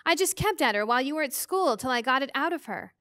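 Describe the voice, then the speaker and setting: A woman voicing a calm, precocious little boy. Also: high voice, fast talker, dry recording, studio quality. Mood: earnest.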